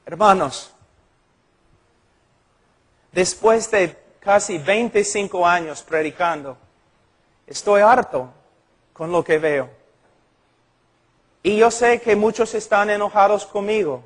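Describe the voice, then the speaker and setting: A man's voice: sits high, takes it slowly, long pauses. A middle-aged man preaching an impassioned sermon as a pastor, earnest and emphatic as he tells a story.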